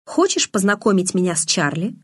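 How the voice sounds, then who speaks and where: A woman voicing a calm, gentle, secretive teenage boy in an audiobook, speaking softly and matter-of-factly. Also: medium pitch, brisk, slightly rough, dry recording, studio quality. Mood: quiet, gentle. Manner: soft-spoken, matter-of-fact. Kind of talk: audiobook character reading.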